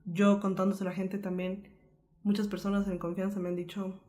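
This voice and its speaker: A young woman from Colombia talks quickly and earnestly as she tells her own painful story. Her delivery flows without pause, lively and candid, like a co-host opening up on a podcast. Her voice sits at an ordinary middle pitch for a woman. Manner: earnest, fast-flowing, lively retelling.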